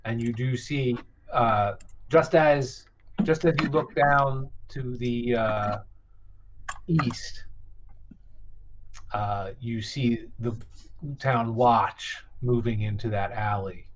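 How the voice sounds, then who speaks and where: A man running a tabletop game as game master, calmly describing the scene and explaining rules over an online voice call. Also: mid-range voice, takes it slowly, long pauses. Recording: dull lo-fi call audio with faint noise.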